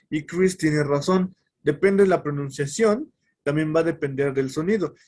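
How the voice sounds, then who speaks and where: A man teaching a casual English lesson online. He explains step by step and often stops to correct himself, with fillers along the way. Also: fairly high pitch.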